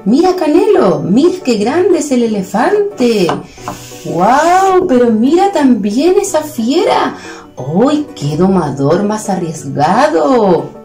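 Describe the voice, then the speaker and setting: Chilean lady playing an excited little boy shouting about the circus, lively bouncy voice, echoey room. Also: fairly high pitch, measured pace. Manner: exclaiming, calling out loudly. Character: excitable young boy who loves the circus. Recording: roomy room with faint music.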